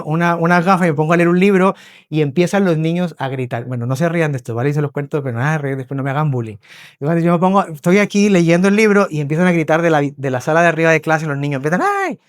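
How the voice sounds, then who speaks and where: A man from Spain preaching a sermon, telling lively stories, acting out voices and often checking in with his listeners. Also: a little high, smooth, dry recording, clean studio sound. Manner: animated storyteller, acts out voices, checks in with listeners. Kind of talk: sermon with storytelling. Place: church hall.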